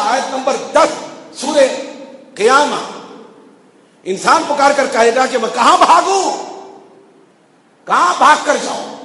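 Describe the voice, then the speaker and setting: A man preaching a Friday sermon, impassioned, repeating his phrases and rising to shouts. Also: extremely high pitch. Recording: echoey hall with faint background noise.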